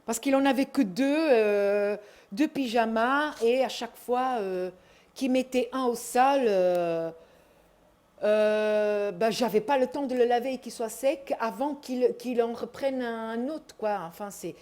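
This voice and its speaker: A middle-aged woman chatting casually at home as she shows off a shopping haul, hesitating often with drawn-out fillers. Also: a little high, darkish tone. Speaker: vlogger showing her shopping haul.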